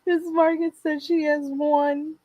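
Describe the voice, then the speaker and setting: A woman's voice: high-pitched, level tone, a little slow, mellow, no echo. A woman hosting a bingo game like a nursing home activity host, chatting to players by name and reading out their comments.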